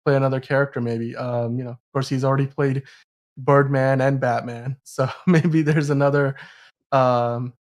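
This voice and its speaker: A man hosts a laid-back film podcast, rambling and emphatic, often getting tangled in his words. His mid-range voice holds a steady tone at a moderate pace.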